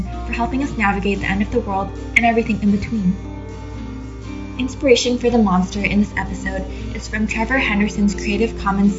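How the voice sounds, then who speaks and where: A woman with a mid-pitched voice reads scripted end credits for an audio drama podcast. The sound is a little dull, and music plays clearly behind her. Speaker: associate producer reading podcast credits. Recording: slightly muffled, music bed behind.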